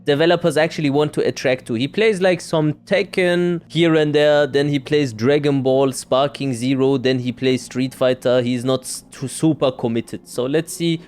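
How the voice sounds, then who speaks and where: A man's voice: medium pitch, fairly even intonation, moderate pace, hardly any pauses, a little mellow, smooth. A man giving casual, off-the-cuff reaction commentary on another creator's video.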